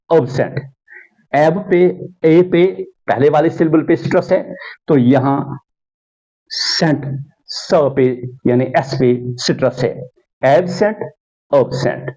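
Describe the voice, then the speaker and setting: A man teaching English pronunciation as a tutor. He explains in a mix of Hindi-Urdu and English and draws out the example words slowly. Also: on the high side, fairly even intonation, dark tone. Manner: slow, deliberate, drawing out example words. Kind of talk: classroom lesson on pronunciation. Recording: dull, lo-fi sound.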